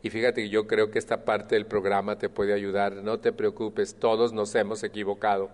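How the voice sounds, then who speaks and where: A man speaking to a support group, animated and acting out others' voices. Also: on the low side, normal speed. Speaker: Al-Anon speaker. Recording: long hall reverb.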